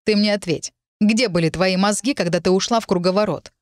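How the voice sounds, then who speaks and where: A woman voicing a rude, contemptuous young man, a dark phoenix warrior in a fantasy audiobook. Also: medium pitch, a little fast, no echo, studio quality, close to an everyday voice. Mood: reproachful. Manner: insulting, contemptuous.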